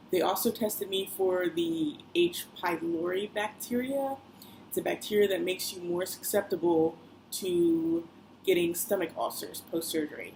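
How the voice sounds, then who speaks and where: A woman's voice: fairly low pitch, gravelly, a little mellow, rough recording. A young woman vlogging in a chatty, rambling way, full of fillers and side remarks. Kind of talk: casual personal vlog. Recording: faint background noise.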